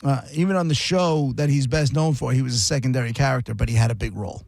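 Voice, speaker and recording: A man hosting a call-in radio show, brisk and teasing as he handles callers. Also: medium pitch, creaky, a little mellow, no echo, soft background music. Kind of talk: casual call-in radio banter.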